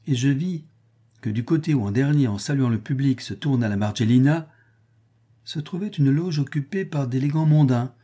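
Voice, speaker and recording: A man reading the part of a calm, assured master detective, explaining in measured tones. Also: mid-range voice, pitched above the performer's own voice, close to an everyday voice.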